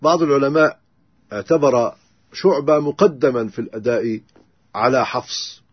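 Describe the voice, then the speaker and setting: A man teaching the differences between Quran readings in a methodical lecture, pausing on filler sounds as he explains. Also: mid-range voice, husky, dry recording, lo-fi sound.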